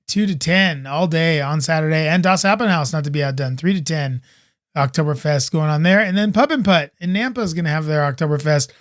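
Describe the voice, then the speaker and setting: A man's voice: fairly high pitch, a bit bright, dry recording, clean studio sound. A man hosting a casual podcast, talking in an upbeat, rambling way with lots of asides. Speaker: podcast host. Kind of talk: casual chat.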